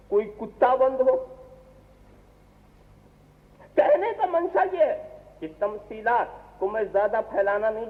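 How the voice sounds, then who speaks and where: A man, a religious scholar, giving a sermon, asking the audience rhetorical questions and repeating phrases for emphasis. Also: very high-pitched. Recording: tinny, reverberant 1970s tape of a speech.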